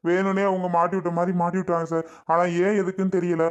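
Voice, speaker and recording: A man's voice: high voice, little pitch movement, fast, close to an everyday voice. A man voicing a repentant jailed husband in a cartoon, pleading over and over. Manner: begging, repeats sir again and again.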